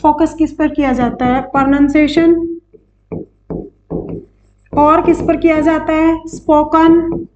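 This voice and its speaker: A woman teacher explaining an exam-prep lesson, asking questions and answering them herself, drawing out key words slowly. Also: sits high, flat delivery, a little mellow, highs cut off, soft background music.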